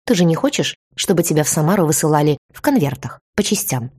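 A woman's voice: sits low, lively intonation, quick pace, darkish tone, husky. A treacherous young woman in a spoken story, with a ringing voice and a smug, taunting edge, as the woman narrating puts her on. She sneers at the heroine with open contempt.

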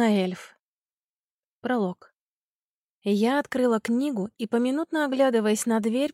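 A woman narrating an audiobook in an expressive first-person storytelling manner. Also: on the high side, no room sound, clean studio sound. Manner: lively first-person storytelling, voicing characters' shouts.

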